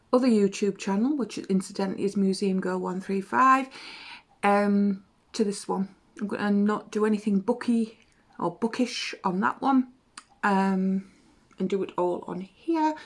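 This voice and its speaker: A woman chatting casually to camera about books she has read, rambling and correcting herself. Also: mid-range voice. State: has a cough. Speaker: booktube vlogger. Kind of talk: casual book chat to camera.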